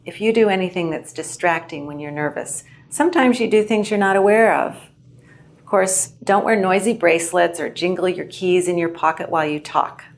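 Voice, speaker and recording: A woman instructor giving a clear, measured lesson on how to present well. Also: on the low side. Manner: clear, measured teaching delivery. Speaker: English language instructor. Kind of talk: instructional video narration.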